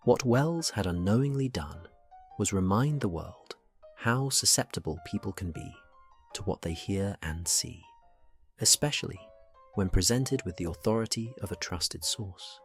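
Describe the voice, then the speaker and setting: Deep male narrator, dramatic, over music. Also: lively intonation, normal speed. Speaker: documentary narrator.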